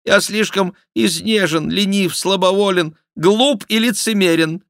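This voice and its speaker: A man voicing a mocking male court jester who makes a loud, nasal, theatrical mock confession. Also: a little slow, vocal fry, no room sound, studio quality, heavily acted. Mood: mock-tearful. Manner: loud, theatrical, high-pitched mock repentance.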